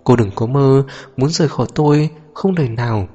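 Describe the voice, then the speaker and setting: A man's voice: medium pitch, a little fast, mellow, husky, soft background music, close to an everyday voice. A man voicing a possessive, volatile young husband in an audio novel, with a harsh, domineering way of talking. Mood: menacing. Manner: pleading turning harsh and domineering.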